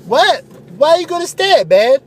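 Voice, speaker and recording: A man voicing an excitable barfly in a spoof radio ad who talks loud, high and shouting. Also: moderate pace, a little hiss or hum. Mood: excited. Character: excitable, shouting male barfly pushing a doctor.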